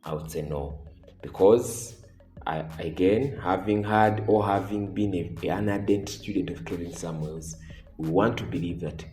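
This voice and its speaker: A man giving opinionated commentary to viewers, deliberate and repeating phrases for emphasis. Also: low voice, a little mellow. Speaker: reaction video commentator. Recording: echoey room with faint music.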